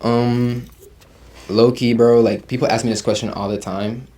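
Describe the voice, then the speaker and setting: Speaking at a moderate pace and medium pitch, this man is a Ugandan rapper in his twenties appearing as a guest in a casual interview. He's relaxed, talks in slang, and says "you feel me" often.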